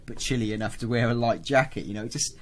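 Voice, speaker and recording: A man's voice: mid-range voice, quick pace. A man co-hosting a casual podcast, describing things enthusiastically with lots of fillers. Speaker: co-host.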